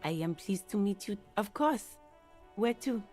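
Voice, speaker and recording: A man doing a high falsetto voice for a polite female gardener, reading a game character aloud. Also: lively intonation, measured pace, darkish tone, soft background music. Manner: polite, eager to help. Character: polite gentle gardener, a woman.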